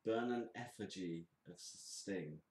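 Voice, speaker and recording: A man's voice: low-pitched, measured pace, reverberant, crowd noise. A man, swearing and teasing in casual podcast banter from a dim bar. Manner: sweary, teasing, mocking accents. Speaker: podcast co-host.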